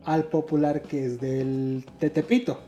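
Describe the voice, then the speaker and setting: A Mexican man with a high, mellow voice chats casually on a comedy podcast. He explains by restarting his sentences and acting out small examples. The room around him has a noticeable echo. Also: little pitch movement, measured pace, highs cut off, faint music behind. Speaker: podcast guest.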